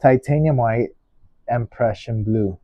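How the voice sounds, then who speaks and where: A man talks through a painting demonstration in a gentle instructor's manner. His pace is very unhurried, with short, musing phrases and a medium pitch. The sound is dry and a little dull, with no room around the voice. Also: dry recording. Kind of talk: unscripted painting tutorial narration.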